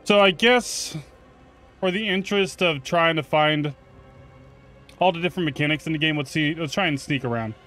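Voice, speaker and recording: A gaming YouTuber on the high side of pitch, a bit bright, talks at normal speed but pauses often. His commentary is casual, slangy, and profane, and he talks back to characters over the game's background music.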